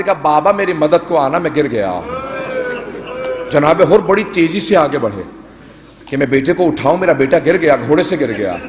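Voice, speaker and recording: A high-pitched male cleric preaching a mourning sermon. He tells the story in a lamenting, emotional way. His voice rings out through a large hall with a long, echoing reverb. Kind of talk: Shia majlis sermon narrating mourning accounts.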